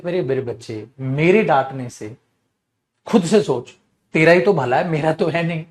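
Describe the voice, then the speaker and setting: A young adult man with a Hindi accent lectures a class on grammar, voice set a little high for a man. He scolds and pleads by turns, pressing every point hard and calling his students "beta". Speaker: English teacher.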